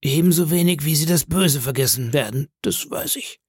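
A man's voice: on the high side, normal speed, husky, no echo, studio quality, pitched above the performer's own voice. A man voicing a wily old male pirate cook who talks in an ingratiating, bargaining way in an audiobook reading. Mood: wheedling.

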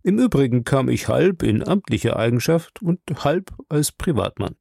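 A cunning gentleman investigator, measured and diplomatic, leans on a gravelly, dark voice, as a man reads his lines. His pitch moves expressively across the sentences, and the voice sounds close and dry. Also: big pitch swings, no room sound. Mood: suave. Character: shrewd, suave older male investigator.

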